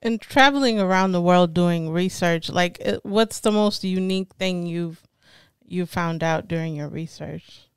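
Young woman podcast host raised in east africa, smooth lowish voice, dry close sound, curious chatty questions. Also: a little slow, no echo. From Ethiopia or Eritrea. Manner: curious, loosely phrased questions with "like". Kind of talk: casual interview questions. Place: podcast studio, seated on a couch.

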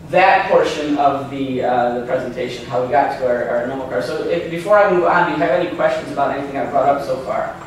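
Man in his 30s, casual seminar presenter, slightly high voice, heard from a distance in a reverberant meeting room. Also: slight background noise. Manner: chatty, many ums and restarts, asks audience questions. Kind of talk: informal lecture with slides. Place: hotel meeting room, indoors. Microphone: far camera, no handheld mic. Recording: echoey room from far off.

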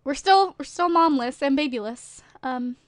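Giggly high-voiced woman with a slight lisp. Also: lively intonation, normal speed, no room sound. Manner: giggly, rambling, playful trolling with frequent "like" and "um". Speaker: gaming video host. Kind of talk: casual gameplay commentary. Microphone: desktop USB microphone.

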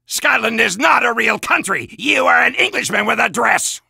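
An actor playing a gung-ho, belligerent American army soldier in a video game, barking bombastic orders and insults in a raspy, gravelly shout. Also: male voice, very high-pitched, expressive, normal speed, dry recording, studio quality, full character voice. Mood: gloating, belligerent.

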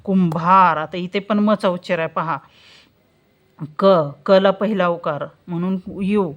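A woman teaching spelling step by step, saying example words slowly and answering her own questions. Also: on the low side, steady tone, lo-fi sound. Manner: slow, drawn-out pronunciation of example words, asks questions and answers them herself. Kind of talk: spelling lesson, explaining step by step.

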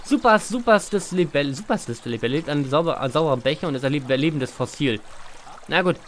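A man's voice: a little high, expressive, a little fast, a little hiss or hum. A man hosting a let's play, casually commenting on the game, reading its text aloud and joking as he goes. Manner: playful, reads game text aloud and jokes. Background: faint game music.

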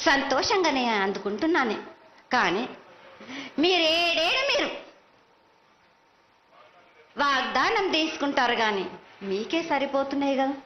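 A woman oracle delivers ritual prophecy in a high, piercingly bright voice with a Telangana accent. She declaims as a mother goddess, commanding and repetitive. The live sound is echoey. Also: dull audio. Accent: Telangana Telugu. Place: live temple festival ceremony. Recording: echoey, band-limited live broadcast with faint noise.

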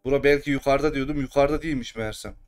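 A man giving live gameplay commentary as a streamer, excitable and cursing at the game at times, then calm and muttering. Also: medium pitch, very fast, soft background music.

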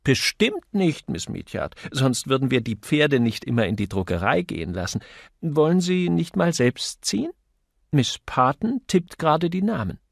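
A man voicing a cheerful, bustling young woman office clerk in an audiobook, raising his voice high and chirpy. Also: very animated, moderate pace, creaky, dry recording, studio quality, heavily acted. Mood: teasing.

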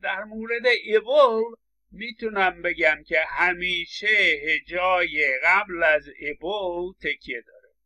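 A man's voice: high voice, pushed and bright, rough recording. A middle-aged man lecturing on English phonetics, explaining patiently and stressing words as he repeats examples, with English words spoken. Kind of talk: recorded lecture.

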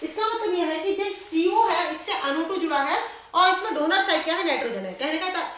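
A woman's voice: very high-pitched, animated, brisk, a bit bright. A woman chemistry lecturer teaching a class, asking questions and answering them herself, with English terms mixed into her speech. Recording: very echoey room with faint noise.

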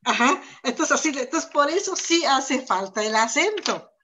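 A woman's voice: high-pitched, lively intonation, normal speed, sharp tone, slight background noise. A woman from the Sierra Norte of Oaxaca, a Zapotec language teacher, explaining in conversation and thinking aloud with fillers and repeated words. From Sierra Norte of Oaxaca, Mexico. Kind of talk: conversational discussion.

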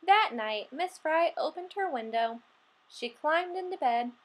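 A woman reading a children's picture book aloud in a high, bright-toned voice. She goes slowly and swoops up and down in pitch, playing up every line and the animal noises. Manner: expressive, acts out animal sounds. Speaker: storybook reader.

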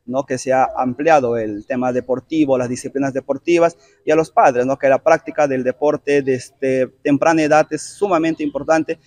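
A Peruvian man in his thirties, a youth football coach, gives an interview on an outdoor artificial-turf pitch into a handheld reporter mic held close. Speaking with a Peruvian Spanish accent, he is measured and explanatory, often using tag questions. His voice is steady and a little mellow, with no room sound.

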